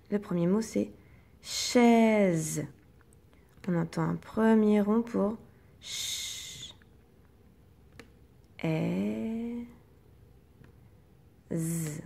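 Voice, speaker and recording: A woman teacher, slowly and patiently guiding young children through reading exercises and sounding out each syllable. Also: mid-range voice, creaky, dark tone.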